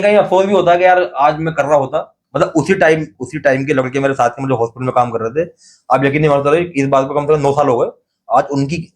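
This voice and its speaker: A man tells stories as a podcast guest, speaking at a quick clip. He is animated and breaks into laughter often. His voice sits at an ordinary middle pitch. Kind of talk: storytelling in casual conversation.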